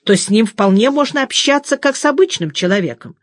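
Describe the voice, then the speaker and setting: A woman narrates a novel in a measured, expressive way, her pitch rising and falling widely. She is close to the mic in a dry studio sound. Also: dry recording. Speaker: audiobook narrator. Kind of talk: scripted narration.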